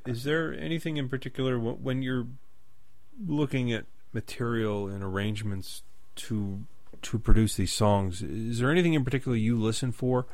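A man's voice: medium pitch, moderate pace, a little mellow, no room sound. A man from the United States interviewing a musician, asking long, rambling questions full of fillers and restarts.

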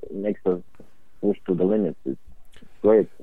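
A young man from Croatia gives earnest, halting interview answers over a thin, phone-like line. His voice sits fairly low and sounds dry and close. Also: dry recording. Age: young adult. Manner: plain, earnest, halting phrasing. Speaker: cellist guest.

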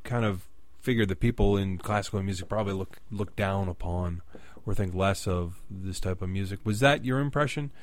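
A man from the United States hosts an interview, asking long, wandering questions with lots of hesitation. His voice is on the low side and dry, recorded close with no room sound. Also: normal speed, hardly any pauses, no room sound. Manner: rambling, hesitant questions with many fillers.

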